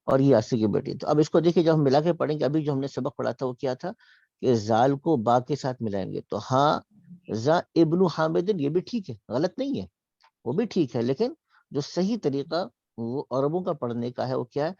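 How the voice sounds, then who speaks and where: A man with a Pakistani Urdu accent, teaching an online Arabic class. He reads Arabic phrases slowly and drawn out, then explains them briskly. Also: mid-range voice, expressive, gravelly, warm tone, no echo. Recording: dull, dry lo-fi sound.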